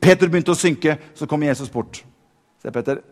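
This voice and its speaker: A man's voice: fairly high pitch, big-room sound. A man preaching a sermon, often repeating words as he builds up and growing more fervent as he goes.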